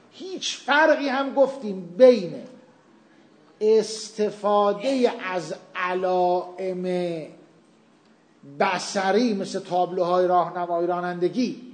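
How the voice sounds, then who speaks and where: High-voiced man lecturing in an echoey room. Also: a little mellow. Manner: explains patiently with everyday examples, asks and answers his own questions. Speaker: teacher of Islamic legal theory. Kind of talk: seminary lecture with class discussion.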